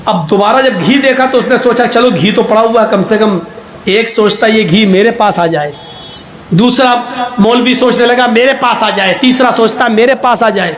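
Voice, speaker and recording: High-voiced preacher telling lively stories. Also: male voice, roomy sound. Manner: animated storyteller who acts out characters and rises to shouts. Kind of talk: sermon with humorous storytelling.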